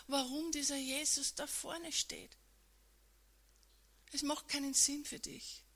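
A woman telling a dramatic retelling in the second person, moving between loud emphatic lines and hushed ones. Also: fairly high pitch.

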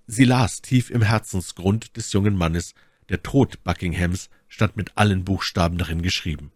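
A man narrating a classic novel as an audiobook, with an expressive, theatrical reading. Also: deep voice, moderate pace, no room sound, clean studio sound. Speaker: audiobook reader.

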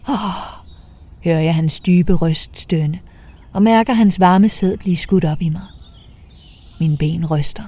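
A woman narrating a first-person story in a soft, half-whispered way. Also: fairly low pitch.

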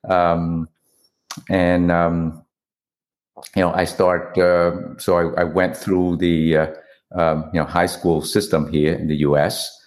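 Deep voiced guy from vietnam, lots of uh's and restarts while answering. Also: little pitch movement. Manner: halting, many fillers and restarts. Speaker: guest, nonprofit CEO. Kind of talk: interview answers.

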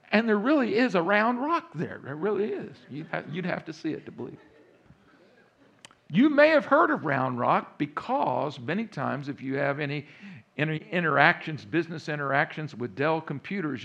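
Texan preacher with a gravelly voice. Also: male voice, on the high side, a bit bright, dull audio. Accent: Texas. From Central Texas. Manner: folksy storytelling with rising emphasis. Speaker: pastor. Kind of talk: sermon.

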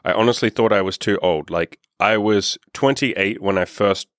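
Male, 30s, coach type. Deep voice, dry close sound, frank and profane, upbeat podcast chat. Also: normal speed, a bit bright, no room sound. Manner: candid, upbeat and heavily profane. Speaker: dating and self-improvement coach. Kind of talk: casual podcast monologue.

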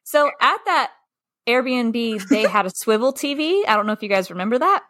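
A woman's voice: on the high side, expressive, moderate pace, fairly bright tone. A woman co-hosting and editing a podcast, telling rambling stories in casual chat. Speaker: podcast co-host and editor.

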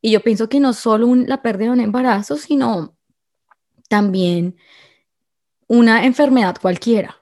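A woman's voice: on the high side, normal speed, pauses often, darkish tone. A woman telling her viewers a personal story in an emotional, confiding way, often restarting her sentences.

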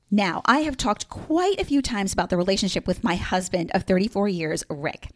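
A woman in her fifties with a New Jersey accent, hosting a solo podcast in an upbeat, emphatic, playfully sarcastic way. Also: on the high side. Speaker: podcast host.

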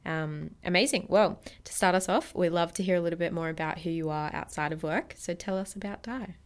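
A woman with an Australian accent hosting an interview, prompting her guest in an encouraging, upbeat way. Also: fairly low pitch. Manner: encouraging, prompting, quick to laugh. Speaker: podcast host. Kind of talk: casual interview chat.

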